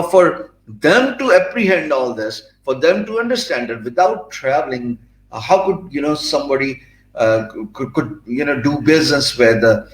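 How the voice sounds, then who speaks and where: A middle-aged man from Pakistan with a fairly high-pitched voice answers interview questions in English, his second language after Urdu. His accented speech is fluent but full of fillers, with many restarts and pauses for emphasis. The recording is poor, in an echoey room.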